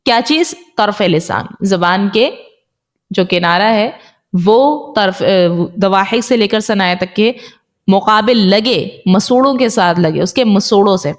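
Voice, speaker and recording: A woman with a Pakistani Urdu accent, patiently explaining letter sounds in an online recitation lesson and repeating them slowly for practice. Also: medium pitch. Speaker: Quran recitation teacher.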